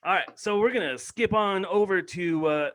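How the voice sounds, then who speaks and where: A man hosting a casual podcast over a video call, lively and teasing with his guests. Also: high voice, normal speed, very noisy. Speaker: podcast host.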